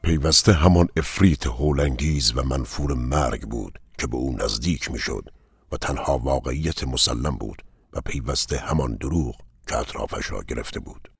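Very deep gravelly male narrator. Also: no room sound, clean studio sound. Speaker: audiobook narrator. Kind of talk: scripted narration of a novel.

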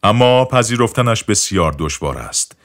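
A man with a lowish voice narrating an audiobook, measured and deliberate. His intonation is animated, rising and falling widely, and phrases often sink softer at their ends. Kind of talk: scripted narration.

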